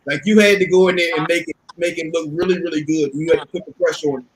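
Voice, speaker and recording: A man's voice: a little high, steady tone, fast talker, a crowd in the background, poor audio. A man hosting a casual boxing panel chat, talking informally and repeating phrases for emphasis. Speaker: host.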